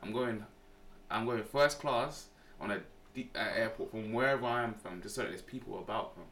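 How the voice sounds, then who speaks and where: A man's voice: on the low side, a little fast, fairly bright tone, a little hiss or hum. A young man with a London roadman accent, chatting casually in heavy street slang and arguing his point insistently. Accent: London roadman, Multicultural London English.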